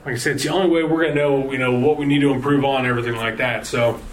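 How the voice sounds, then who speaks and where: A man's voice: mid-range voice, fairly even intonation, slight background noise, poor audio. Tired, rambling male podcast host. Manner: rambling, halting sign-off with many fillers. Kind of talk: casual sports podcast chat.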